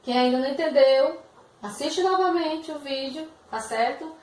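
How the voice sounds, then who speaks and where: A woman's voice: sits high, normal speed, darkish tone, roomy sound, far from the mic, rough recording. A woman with a Brazilian Portuguese accent, an English teacher giving a recorded video lesson and patiently checking that students follow. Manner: patient, checks understanding often.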